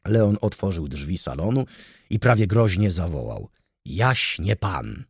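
Low, husky male audiobook narrator. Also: expressive, normal speed, mellow, dry recording, studio quality. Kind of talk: scripted narration.

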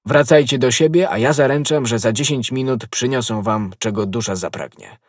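A man's voice: medium pitch, normal speed, no room sound, studio quality, natural voice. A man voicing a bold young swordsman in an audiobook, speaking firmly and with authority. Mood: calm. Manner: firm, commanding. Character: bold young male swordsman, calm and commanding. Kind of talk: audiobook role.

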